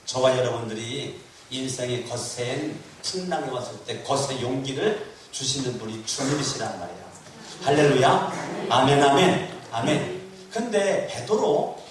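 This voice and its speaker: A man's voice: medium pitch, slight background noise. A man pastor preaching a sermon with emphatic repetition and rhetorical questions thrown to the congregation. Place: church hall. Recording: echoey hall recorded from a distance.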